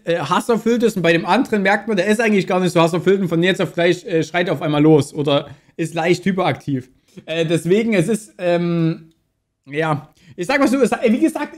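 A young man in his twenties reacting to a video on stream, talking in a loose, slangy, rambling way into a boom mic in a small room. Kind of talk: casual reaction commentary. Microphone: boom mic on arm, wearing headphones.

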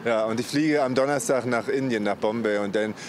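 A middle-aged man from East Berlin, answering a street interview in a rambling, halting way with many restarts, on a city square into a handheld mic. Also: medium pitch. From East Berlin, Germany. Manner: halting, restarts often, insistent. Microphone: handheld mic held by interviewer. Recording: faint street traffic noise.

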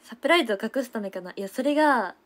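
A woman's voice: on the high side, lively intonation, quick pace, a bit bright. A young woman, chatting casually and giggling on a livestream, reading out viewer comments. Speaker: idol livestreamer.

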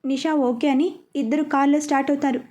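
A woman telling a scripted story in an even, explanatory way. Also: sits high, fast talker.

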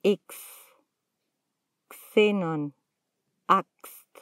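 Slow, deliberate woman teaching pronunciation. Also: mid-range voice, fairly bright tone, no room sound, clean studio sound. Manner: sounds out single words and letters one at a time, with pauses. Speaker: language teacher.

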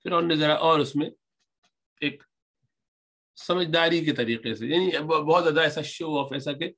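Man, Arabic teacher, grammar lesson, reads a line slowly then explains each word. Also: on the high side, a bit bright. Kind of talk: grammar lesson, reading and translating Arabic text.

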